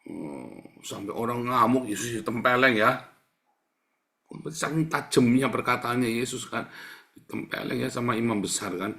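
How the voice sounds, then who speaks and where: A man's voice: mid-range voice, moderate pace, pushed and bright. A man preaching a sermon in a conversational, emphatic way, repeating words for stress.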